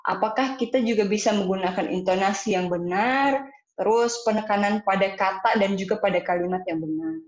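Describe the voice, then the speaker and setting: A woman's voice: mid-range voice, fairly quick. A woman from Indonesia, an IELTS speaking teacher, explaining a lesson in a casual way, with hesitations and English terms mixed in. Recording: echoey room, dull sound.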